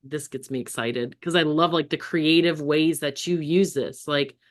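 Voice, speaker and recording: A woman's voice: sits low, fairly even intonation, moderate pace. A woman hosting a spiritual podcast, enthusiastic and encouraging in casual chat. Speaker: podcast host.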